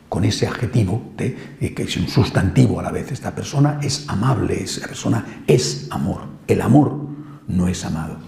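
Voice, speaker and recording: A man, a priest, giving a sermon-style teaching, impassioned, rising on repeated phrases and dropping low and quiet for emphasis. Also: creaky. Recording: echoey room.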